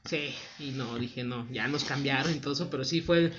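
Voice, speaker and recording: A woman's voice: fairly quick, a crowd in the background. A young woman with a Mexican accent telling a scary anecdote in casual chat, acting out the voices in her story. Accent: Mexican Spanish. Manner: animated storyteller, acts out quotes with big pitch jumps. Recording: dull lo-fi audio.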